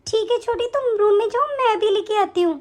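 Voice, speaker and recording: A woman voicing a calm, caring elder daughter-in-law in an animated story. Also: extremely high pitch, brisk. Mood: reassuring. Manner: soothing, reassuring.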